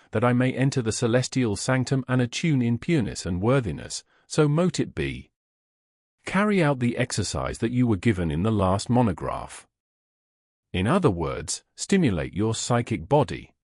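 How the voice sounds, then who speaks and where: A man reading esoteric lessons aloud in a measured, solemn way. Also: mid-range voice, a little mellow, no echo, clean studio sound. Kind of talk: scripted narration.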